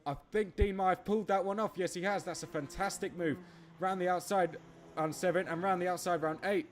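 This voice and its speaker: A man calling a kart race live, excitable, breaking into laughs and tripping over his words. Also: sits high, a little fast, slight background noise. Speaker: race commentator. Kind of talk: live motorsport commentary.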